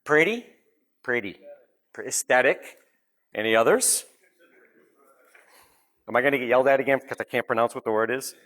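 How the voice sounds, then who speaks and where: A man with a Boston accent giving a relaxed, joking, step-by-step software demo at a conference session. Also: medium pitch, brisk, pauses often. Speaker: presenter. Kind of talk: live technical demo.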